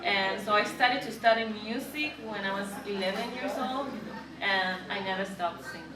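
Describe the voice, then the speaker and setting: An Argentine woman, a native Spanish speaker with an Argentine accent, answers casually as an interview guest. She speaks at normal speed in a medium-pitched voice, recorded through a distant mic in an echoey space with chatter behind.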